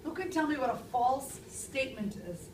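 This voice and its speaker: A woman's voice: high voice, lively intonation, moderate pace, recorded from a distance, slight background noise. Emphatic woman teacher in an echoey classroom. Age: 30s. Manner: clear, emphatic, stresses key words. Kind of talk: classroom language lesson. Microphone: far camera.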